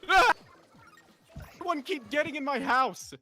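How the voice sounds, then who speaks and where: A man playing an excitable, vain, dim-witted Luigi in an amateur comedy story, rambling and exclaiming in a hammy way. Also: extremely high pitch, a little slow, soft background music, heavily acted. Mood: exasperated.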